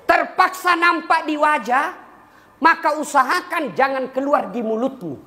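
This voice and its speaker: A man preaching a humorous sermon to a congregation, lively and joking, sometimes breaking into a few lines of song. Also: very high-pitched, a little slow. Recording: echoey hall with faint ambience.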